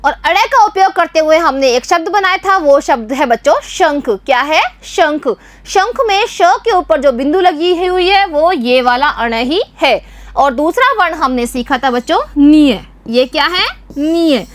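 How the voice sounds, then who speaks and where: A woman teaching young children to write letters, speaking slowly and clearly, repeating and quizzing them patiently. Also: high-pitched, lively intonation, no room sound. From Rajasthan, India. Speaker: primary school teacher. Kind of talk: slow, clear Hindi writing lesson for young children.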